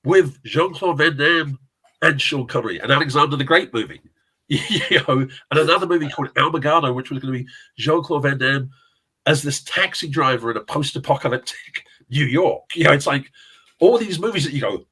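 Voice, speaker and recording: On the high side and a little fast, this voice has a sharp, husky tone, heard through a rough recording. It belongs to a middle-aged casting director and actor from England with a South London accent, who, as an interview guest, tells meandering film-industry anecdotes in a casual chat, laughing frequently and swearing now and again.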